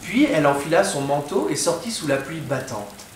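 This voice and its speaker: A man reading a children's picture book aloud, with an expressive, dramatic delivery. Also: fairly high pitch, moderate pace, slight background noise. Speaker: children's storyteller. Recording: roomy echo.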